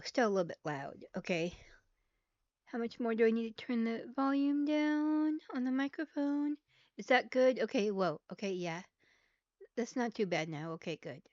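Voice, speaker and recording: A woman's voice: medium pitch, normal speed, darkish tone, dry recording, lo-fi sound. A woman hosting a casual live reaction stream, chatting aloud as she watches clips. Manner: chatty, reacts aloud, fiddles with mic levels.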